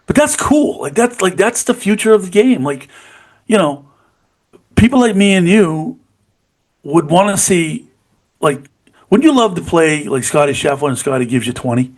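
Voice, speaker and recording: A man's voice: on the high side, animated, normal speed, pauses often, darkish tone. Chatty man talking sports. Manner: rambling, enthusiastic, repeats "you know what I mean". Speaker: podcast co-host. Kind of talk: casual sports chat.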